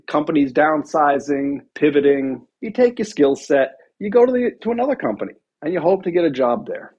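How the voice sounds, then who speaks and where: A husky host's voice swings widely in pitch while spinning casual commentary. The delivery is lively and storytelling, full of restarts and wry asides. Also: dull audio. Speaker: video host.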